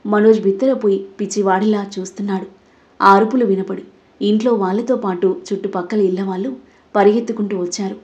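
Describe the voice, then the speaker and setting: Casting note: female narrator for a dramatic audio serial, warm tone, lo-fi recording. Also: medium pitch, fairly even intonation, fairly quick. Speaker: storyteller. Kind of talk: scripted story narration.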